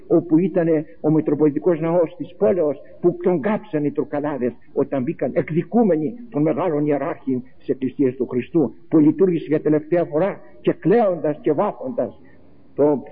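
A man preaching an Orthodox-style sermon, passionate, full of rhetorical questions and acted-out quotes. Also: fairly high pitch. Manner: impassioned, rhetorical questions, acts out quoted voices. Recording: tinny lo-fi recording with faint hiss.

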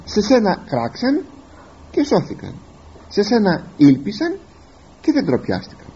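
A man gives a verse-by-verse sermon, his voice rising and falling in a lively sweep as he reads scripture and then explains it. He often takes on the psalmist's first-person voice. His mellow tone comes through a dull, lo-fi recording with faint noise behind it. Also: high voice. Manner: reads ancient verses aloud, then explains them plainly to listeners. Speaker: preacher.

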